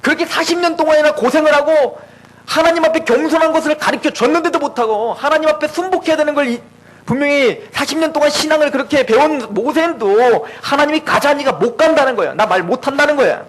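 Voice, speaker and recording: A man delivers a sermon in a church, his voice pitched very high for a man. He preaches with animation, slipping into quoted lines of dialogue as he speaks to the congregation. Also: fast, rough recording. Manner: animated, acts out quoted voices of God and Moses.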